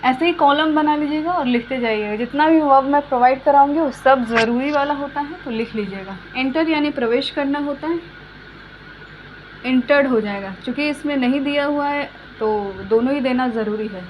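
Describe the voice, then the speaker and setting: A woman teaching a spoken English lesson, explaining verb forms slowly with many repeated examples and coughing now and then. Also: high-pitched. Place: home room with fan switched off. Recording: dull lo-fi recording with faint hum.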